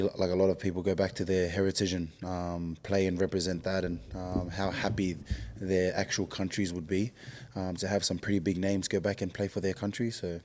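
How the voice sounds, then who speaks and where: A man in his twenties, born in Samoa and raised in Australia, talking casually and haltingly as a podcast guest, with lots of ums and likes. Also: deep voice. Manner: soft-spoken, halting, many ums and likes. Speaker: podcast guest, rugby league player. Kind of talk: casual interview chat.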